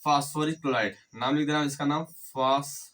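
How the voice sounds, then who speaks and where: A man with a fairly high voice teaches chemistry at a board. He keeps asking his students questions, answers them himself, and repeats the terms so they stick. His tone stays encouraging, and the mic sits a little away from him. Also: fairly quick, a bit bright, distant mic, rough recording. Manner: encouraging, addresses students fondly. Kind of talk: whiteboard lecture.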